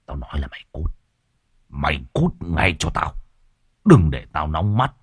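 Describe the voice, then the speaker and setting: A man's voice: very deep voice, sing-song, a little slow, slightly rough, no echo, voice pushed down, heavily acted. A man voicing a possessed father who has turned cold and menacing, snarling harsh commands in a dry recording.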